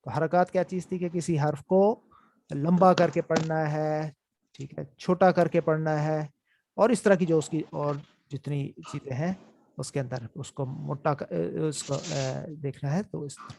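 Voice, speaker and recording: A man's voice: on the high side, steady tone, vocal fry, a little mellow, a little hiss or hum. A man teaching a class on Quran recitation rules, explaining step by step and often repeating key points. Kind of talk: online class lecture.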